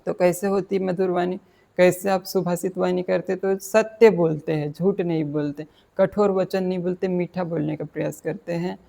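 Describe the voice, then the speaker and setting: A man's voice: sits high, steady tone, normal speed, vocal fry, dark tone. A man giving a dhamma talk, explaining Pali verses in plain words and mixing in English terms. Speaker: Buddhist dhamma teacher.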